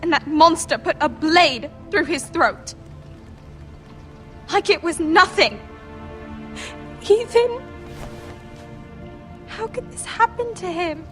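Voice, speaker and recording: Fantasy game teenage noble girl: sorrowful, unhurried, piercingly high, soft music behind. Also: full character voice. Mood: shocked grief. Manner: emotional, tender. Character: tender, grieving teenage noble girl, wounded lord's sister. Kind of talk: dramatic video game acting.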